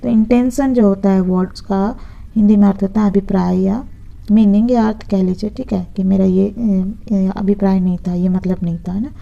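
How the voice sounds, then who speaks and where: A woman's voice: medium pitch, fairly even intonation, moderate pace, vocal fry, warm tone, lo-fi sound. A woman teaching an exam-prep vocabulary lesson, patiently repeating words and spelling some out letter by letter.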